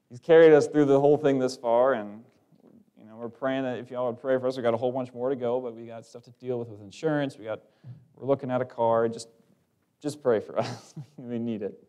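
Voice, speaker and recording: A man's voice: mid-range voice, fairly even intonation, brisk, dark tone, smooth. A man preaching to his congregation, telling a family story loosely with restarts and small laughs before turning to scripture. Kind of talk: sermon with personal testimony.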